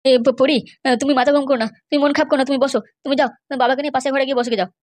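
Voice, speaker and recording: A woman's voice: sits high, fairly even intonation, racing, a little mellow, pitched below the performer's own voice, natural voice. A woman voicing an anxious young married man in a cartoon, pleading and flustered.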